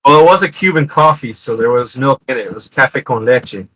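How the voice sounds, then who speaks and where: A man chatting as a community member on a stream, jokey and quick to laugh. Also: medium pitch, expressive, bright, forceful tone, low-quality recording. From United States. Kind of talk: casual stream chat.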